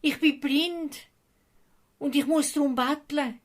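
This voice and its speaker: A woman's voice: high-pitched, fairly even intonation, slow, voice pushed up. A woman doing a desperate blind beggar, Swiss German. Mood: pleading.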